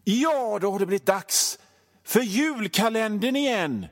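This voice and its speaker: A man's voice: sits high, lively intonation. A man hosting a radio show, delivering a sarcastic, rambling comedy monologue with plenty of swearing. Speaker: radio host.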